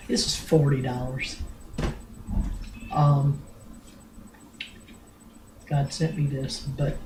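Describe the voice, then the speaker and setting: Slow, rambling older woman storyteller. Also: deep voice, noisy background. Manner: slow and drawn out, many pauses and restarts; blunt, earthy, with mild swearing. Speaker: grandmother telling a family story. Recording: roomy home recording.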